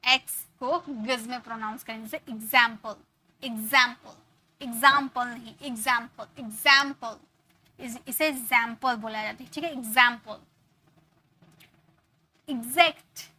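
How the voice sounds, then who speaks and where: Bright, high-voiced woman teaching English. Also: fairly even intonation, measured pace, slight background noise. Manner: explains step by step, repeats example words, checks in with "ok". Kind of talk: online grammar lesson.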